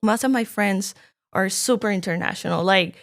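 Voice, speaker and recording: Gravelly-voiced Venezuelan woman guest. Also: medium pitch, normal speed. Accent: Venezuelan Spanish. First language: Spanish. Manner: chatty storyteller, many fillers and laughs. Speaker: guest filmmaker. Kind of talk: casual podcast chat. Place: podcast studio room.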